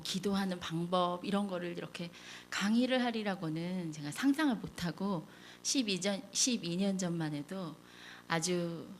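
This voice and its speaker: A woman's voice: lowish voice, a little hiss or hum. A middle-aged woman speaking as a lay seminar leader at a church, telling her story candidly and acting out the lines she once said. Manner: candid storytelling, acts out quoted lines, laughs at herself.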